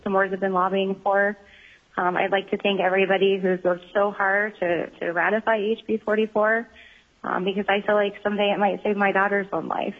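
A woman calls in to testify at a hearing, speaking in an earnest, measured way and leaning on small ums as she goes. Her voice comes through a thin, tinny, crackly phone line that fades in and out. Her pitch sits in the middle of the usual range. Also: level tone. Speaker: member of the public testifying at a hearing. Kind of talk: prepared public testimony by phone. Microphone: phone call-in.

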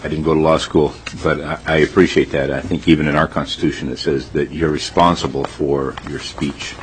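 A very deep-voiced man puts questions to a committee. He stops and restarts often, over faint room noise. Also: fairly even intonation. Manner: halting, with many restarts. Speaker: state senator.

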